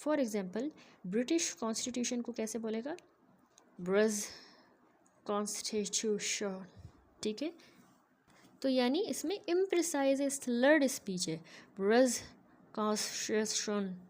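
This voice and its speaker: A woman giving a methodical, explanatory medical lecture, often pausing to check in with her students. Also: high voice, expressive, a little mellow. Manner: methodical, keeps checking in with "ठीक है".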